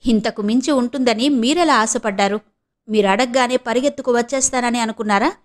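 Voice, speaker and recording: A woman's voice: a little high, brisk, lightly acted. A woman voicing a proud, defiant young wife in an audio novel, speaking in cutting, sarcastic retorts.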